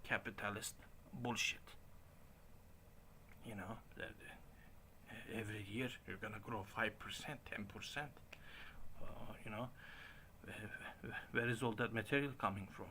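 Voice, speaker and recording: A man in his late forties talking casually in a halting way, with frequent restarts and chuckles. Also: lowish voice, steady tone, pushed and bright, slight background noise. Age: 40s. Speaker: stream host. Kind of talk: casual rambling monologue.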